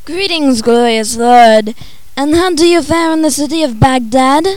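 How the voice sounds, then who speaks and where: Woman playing fairy-tale sorcerer, high-pitched, sly, smug, gloating, theatrical. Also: measured pace, darkish tone, a little hiss or hum. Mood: oily deference. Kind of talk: dramatised storybook reading.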